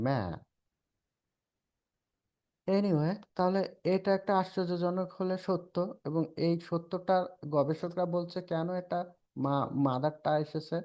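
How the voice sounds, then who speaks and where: Mellow-voiced Bangladeshi man lecturing. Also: on the high side. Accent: Bangladeshi Bengali. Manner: explains in Bengali mixed with English terms, slow over the English quotations. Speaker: English teacher. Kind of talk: recorded lecture.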